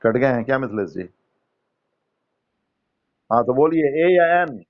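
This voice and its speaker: A man's voice: mid-range voice, animated, unhurried, muffled recording. A man teaching an English grammar lesson in an online class, patiently questioning students by name and explaining step by step in Hindi mixed with English terms.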